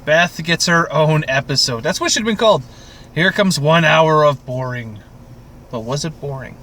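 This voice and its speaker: A Canadian man co-hosts a podcast, joking and rambling through a casual, sweary TV recap. His voice sits a little high and sounds pushed and bright, at a moderate pace. Background noise is clearly audible in the recording.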